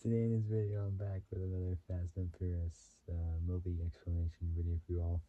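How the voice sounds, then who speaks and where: A young man talking casually to his channel, rambling through fillers, giggles and throat clearing as he explains a movie. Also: low voice, little pitch movement, fast talker. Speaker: YouTuber. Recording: dull lo-fi sound.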